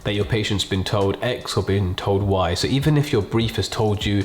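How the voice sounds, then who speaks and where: A man's voice: on the low side, moderate pace, slight background noise. A man giving an informal step-by-step lesson as a medical tutor, explaining methodically and numbering his points. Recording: roomy, echoing voice pickup.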